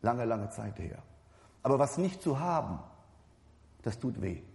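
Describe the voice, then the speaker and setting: Male preacher, warm low-key timbre, loose and chatty sermon delivery, long church-hall reverb. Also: sing-song, measured pace, gravelly. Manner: conversational, addresses the congregation directly, repeats and corrects himself.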